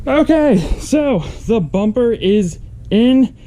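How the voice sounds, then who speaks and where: A man's voice: very high voice, animated, slow, dark tone, a little hiss or hum. A young man vlogging casually about a car project in his garage, chatty and rambling with fillers. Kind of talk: casual vlog talk to camera. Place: hot home garage. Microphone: camera set down nearby.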